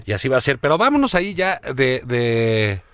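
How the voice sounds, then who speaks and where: A man's voice: mid-range voice, sing-song, normal speed, a bit bright, clean tone, dry recording, studio quality. A man with a Mexican accent co-hosting a casual political chat, easygoing and agreeable. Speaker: co-host.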